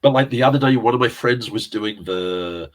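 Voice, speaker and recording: A middle-aged Englishman with a South London accent, an actor and casting director, is an interview guest spinning rambling film-industry anecdotes. He speaks at a moderate pace in a medium-pitched voice, laughing often and swearing occasionally.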